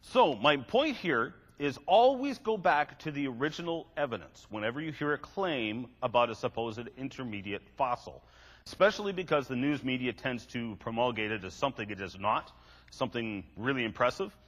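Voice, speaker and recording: A man's voice: medium pitch, expressive, moderate pace. An older man giving a lecture to a live audience, with wry, sarcastic asides. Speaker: creationist seminar speaker. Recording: echoey hall, faint music.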